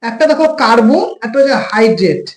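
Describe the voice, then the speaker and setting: A high-pitched man with a West Bengal accent teaches a lesson, working through each point with rhetorical questions to his students. His voice rings out in an echoey room. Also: animated, quick pace. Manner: explains step by step with frequent rhetorical questions. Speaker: tutor. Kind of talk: classroom lesson explanation.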